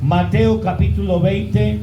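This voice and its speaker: A man's voice: high-pitched, steady tone, takes it slowly, mellow, reverberant, soft background music, rough recording. A man preaching a sermon as pastor, often asking the congregation to fill in words.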